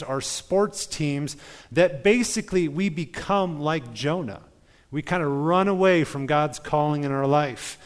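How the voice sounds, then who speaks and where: Male pastor, sermon, storytelling, rhetorical questions, long hall reverb. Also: fairly high pitch.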